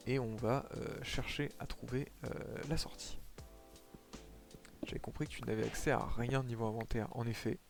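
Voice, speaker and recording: A man with a medium pitch, fairly even intonation, vocal fry, and a normal pace gives casual gameplay commentary on a live stream. He explains his play to viewers using many fillers, and faint music is audible behind him.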